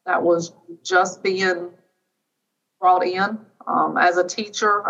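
A woman's voice: fairly low pitch, a bit bright. A middle-aged woman giving an earnest, unscripted answer as an interview guest, hesitating and piling up lists. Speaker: educator, podcast guest. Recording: distant mic, slightly dull sound.

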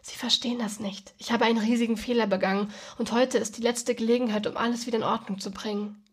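A woman reading the lines of an old man with a cane, soft and dark-voiced, politely pleading. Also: a little high, fairly even intonation, quick pace, slightly rough.

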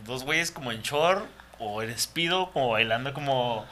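A man's voice: medium pitch, lively intonation, normal speed, bright, forceful tone, slight background noise. A man with a northern Mexican accent telling casual comic stories as a podcast co-host, with slang and swearing. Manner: slangy, profane, joking. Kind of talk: casual comedic storytelling.

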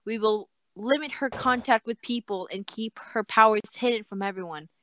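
A woman voicing a stern, worried king and father in an amateur fan dub among friends, speaking in a low, measured, commanding way. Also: a bit bright, slight background noise, lightly acted, low-quality recording. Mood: grave.

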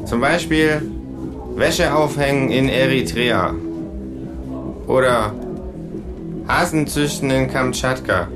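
A man's voice: medium pitch, slow pace, pauses often, music in the background, voice pushed up, natural voice. A man voicing a smug know-it-all kangaroo in a comic audiobook reading, dry and lecturing.

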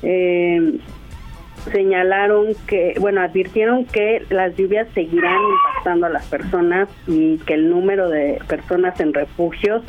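A woman from Mexico, a guest journalist on a radio interview, giving facts in a measured way with occasional fillers. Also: fairly low pitch, sing-song. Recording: dull lo-fi radio line, faint music.

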